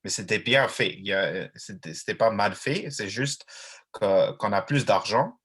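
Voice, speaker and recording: Lowish-voiced man explaining haltingly. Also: fairly bright tone, slightly rough. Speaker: presenter answering questions. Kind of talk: informal explanation in a question-and-answer session.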